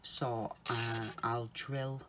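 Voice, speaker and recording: A woman talking viewers through a polymer clay project, chatting casually, calling them guys and murmuring softly to herself as she works. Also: very deep voice, flat delivery, very slow, noisy background. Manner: chatty, often calls viewers guys, mutters softly to herself while working. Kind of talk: casual crafting tutorial.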